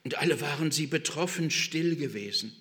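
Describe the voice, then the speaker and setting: A man's voice: fairly high pitch, normal speed, bright, forceful tone. A man preaching a sermon, reading scripture and retelling it with dramatic emphasis. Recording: reverberant hall.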